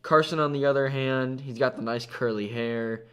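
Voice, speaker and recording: A young man appears as a guest in a relaxed podcast chat. He talks at a middle pitch, pausing and hedging as he works through his answers. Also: clean tone. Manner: hesitant, thinks aloud with laughs. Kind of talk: casual chat.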